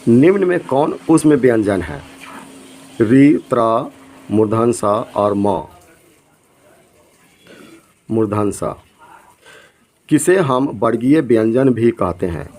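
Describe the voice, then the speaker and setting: A man's voice: medium pitch, animated, takes it slowly, pauses often, darkish tone, low-quality recording. A man teaching an exam lesson, reading out each multiple-choice question and its options, then giving the correct answer.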